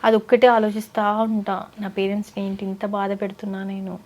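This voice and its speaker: A woman's voice: medium pitch, level tone, fairly quick, darkish tone. A young woman, a folk singer giving earnest, pleading interview answers, close to tears.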